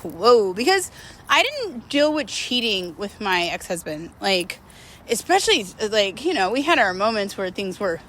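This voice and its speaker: A vlog series host talks to her viewers casually and confessionally, candid and rambling, emphatic, and full of slang. Her mid-range voice is sing-song, fairly bright and a little slow, with slight background noise.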